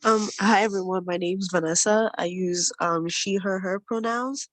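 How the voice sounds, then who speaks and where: A woman's voice: medium pitch, fairly even intonation, moderate pace, no echo. Young woman, hesitant intro. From Nigeria. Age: early 20s. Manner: hesitant, many fillers. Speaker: student. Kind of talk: self-introduction. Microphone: video call.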